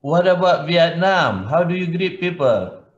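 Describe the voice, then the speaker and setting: A man's voice: a little high, lively intonation. A man giving an interactive online lecture, often repeating words and putting questions to the class. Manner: hesitant pauses, repeats words and asks questions. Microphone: webcam video call. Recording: roomy, dull video-call audio.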